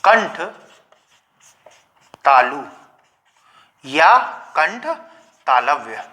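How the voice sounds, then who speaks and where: A man teaching a Hindi grammar lesson on video. He explains slowly and patiently, repeats key points, and asks the class questions that he then answers himself. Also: a little high, sing-song, bright, forceful tone. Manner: slow, patient explaining with repetition. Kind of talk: video lecture.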